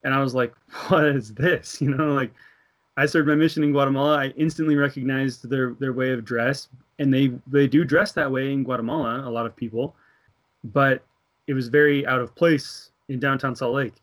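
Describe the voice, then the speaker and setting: This man's mid-range voice moves at a moderate pace with fairly even intonation. He's an American in his thirties sharing a personal faith story in casual religious conversation, speaking earnestly, laughing now and then, and performing the dialogue of the people in it.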